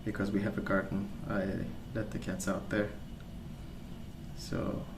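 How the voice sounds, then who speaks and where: Gentle and unhurried, a fairly low-pitched man who creates ASMR videos rambles softly through a casual story. You can hear clear background noise in the roomy recording.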